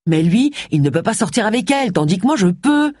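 A woman's voice: medium pitch, big pitch swings, brisk, mellow, husky, no echo, clean studio sound, pitched above the performer's own voice. A woman voicing a stubborn, lovesick man in an audiobook. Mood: earnest. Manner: stubborn, earnest.

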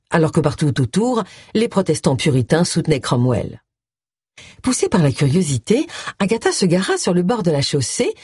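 A woman reading a novel aloud in an expressive storytelling manner. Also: low voice, breathy edge, no echo, clean studio sound. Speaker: audiobook narrator. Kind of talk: scripted narration.

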